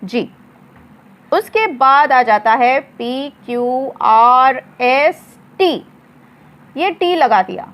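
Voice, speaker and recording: A woman teaching English words in a slow lesson, spelling them out letter by letter and repeating each one. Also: sits high, animated, highs cut off.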